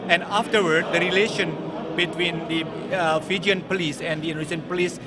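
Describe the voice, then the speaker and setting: High-voiced man interpreting, halting translation. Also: steady tone, a loud crowd. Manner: halting, many fillers and restarts. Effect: live spoken translation of a minister's words. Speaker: interpreter for a visiting minister. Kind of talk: interpreting at a press event. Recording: loud background noise.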